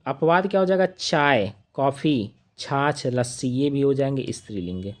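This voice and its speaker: A man teaching an online grammar lesson, listing examples one by one and asking questions that he answers himself in a lower voice. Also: expressive, normal speed. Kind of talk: live online grammar class.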